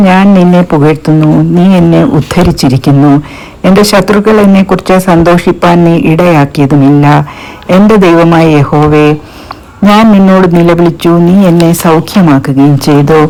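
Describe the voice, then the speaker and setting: Woman reader, low gravelly voice, measured and solemn scripture delivery. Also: dark tone. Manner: slow, solemn reading.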